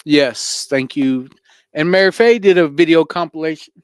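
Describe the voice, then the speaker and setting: Casting: earnest male co-host, high clear voice, dry close sound, lots of fillers. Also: moderate pace, no room sound. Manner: earnest, rambling with many fillers. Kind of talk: casual recovery talk.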